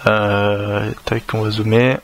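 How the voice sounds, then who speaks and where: Low, flat-voiced French man unboxing a phone. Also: slow, slight background noise. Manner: hesitant, many fillers and restarts; casual, relaxed. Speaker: tech reviewer. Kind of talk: unboxing commentary.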